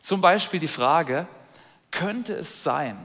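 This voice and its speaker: A man preaching a sermon, retelling a scripture story with lively asides, in a large church hall. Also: on the high side, takes it slowly. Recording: long reverb of a large hall.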